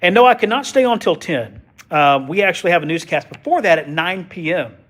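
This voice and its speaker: Brisk and lively in his intonation, the man has a high, fairly bright voice. He's a sniffling TV meteorologist with a head cold, giving casual weather commentary on a livestream in a folksy, chatty manner full of jokes on the side.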